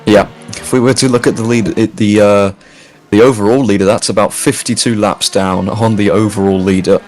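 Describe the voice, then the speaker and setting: Brief: male co-commentator, lower voice, dry and teasing. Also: fairly even intonation, moderate pace, darkish tone. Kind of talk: sim racing commentary.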